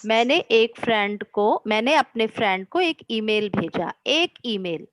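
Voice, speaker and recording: A woman teaching children English grammar online, explaining slowly and patiently, mixing Hindi and English, with encouraging words. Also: on the high side, animated, dry recording, low-quality recording.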